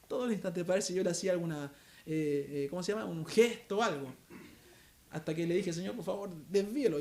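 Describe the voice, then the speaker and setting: Young male preacher, Chilean accent, high voice, earnest and chatty sermon delivery; roomy church echo. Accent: Chilean Spanish. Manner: earnest, conversational, frequent "¿cierto?" tag questions. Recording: echoey church room, faint hiss.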